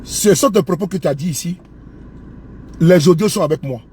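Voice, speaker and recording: A man's voice: a little high, moderate pace, mellow, a little hiss or hum. A man, an online commentator, delivering a mocking rant that scolds and spells words out.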